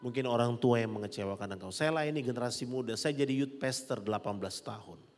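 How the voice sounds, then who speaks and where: A middle-aged man preaching a sermon as pastor, animated and rising to loud peaks. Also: mid-range voice, quick pace. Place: large church hall. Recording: long church hall reverb with soft music.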